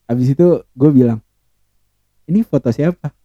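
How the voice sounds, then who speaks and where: Young male guest, casual storyteller, mellow tone, slangy, dry close recording. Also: mid-range voice, moderate pace, dry recording, highs cut off. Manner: slangy, swears often, laughs easily. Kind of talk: casual podcast chat.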